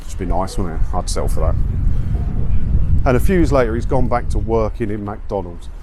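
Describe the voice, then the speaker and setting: Walking outdoors through a seaside town, an English video blogger gives casual opinions on news stories, full of rhetorical questions. He speaks at a normal speed in a low, expressive voice, and the recording picks up street noise and traffic.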